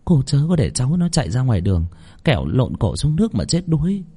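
A man voicing a poor village mother who is fretful and shrill, in a spoken horror story. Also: huge pitch swings, fast, mellow, breathy edge, full character voice. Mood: bossy.

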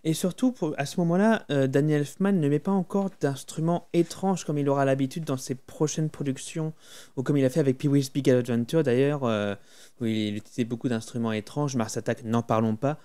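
A man's voice: medium pitch, steady tone, brisk, mellow, clean tone. A man co-hosting a casual podcast about film music, talking with enthusiasm and humming tunes now and then. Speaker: podcast co-host.

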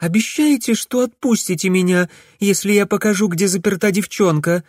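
A man's voice: high-pitched, normal speed, dry recording, studio quality, voice pushed up. A man voicing a capricious young female witch in an audiobook, coy and sulky by turns.

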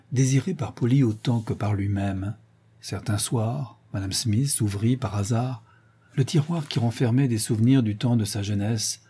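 Man, audiobook narrator, husky voice, mellow tone, measured storytelling. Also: fairly low pitch. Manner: measured, expressive reading. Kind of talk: scripted narration.

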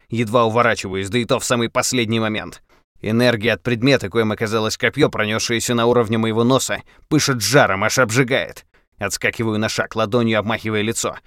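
A man's voice: fairly low pitch, a bit bright, dry recording, clean studio sound. A man narrating a first-person story in terse, clipped phrases with dramatic intensity. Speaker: audiobook narrator.

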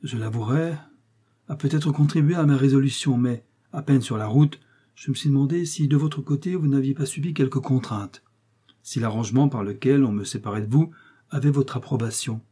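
Man doing a serious jealous count, measured, mellow, husky. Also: medium pitch, close to an everyday voice. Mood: earnest. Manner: measured, explanatory. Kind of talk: audiobook reading.

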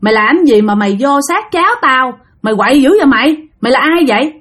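A woman's voice: high voice, lively intonation, fast talker, a bit bright. A woman voicing a frightened aunt in her late forties pleading with a spirit. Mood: questioning. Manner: timid, pleading.

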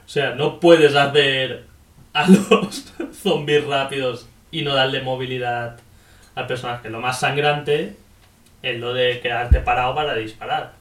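A man's voice: medium pitch, steady tone, measured pace. A man co-hosting a casual game review podcast, joking, swearing and laughing often. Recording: roomy, a bit far from mic.

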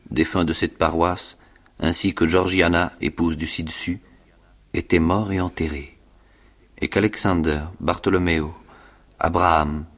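A man giving a measured, expressive reading of a classic novel in the first person. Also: deep voice, slightly rough. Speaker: reader. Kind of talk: dramatic literary reading.

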